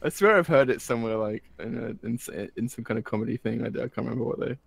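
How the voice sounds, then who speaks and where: A man's voice: medium pitch, fast, creaky, husky, dry recording. A British man co-hosting a casual online art critique stream, easygoing and chatty.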